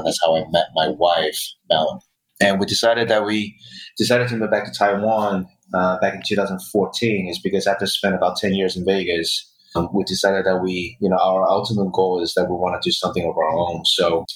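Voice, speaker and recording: Give me a deep-voiced man interviewed over a fuzzy, distorted, echoey recording. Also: fairly bright tone. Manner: halting, with many restarts and fillers. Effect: fuzzy distortion and echo from a faulty recording. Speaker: guest chef and restaurant owner. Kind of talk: casual interview answers.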